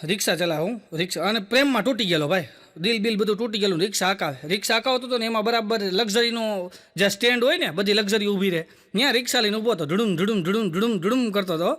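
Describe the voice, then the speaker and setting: Stand-up comic, male, chatty storyteller, very high pitch, a sharp, bright tone. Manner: chatty joke-telling, quick quoted dialogue. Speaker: stand-up comedian. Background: audience laughter.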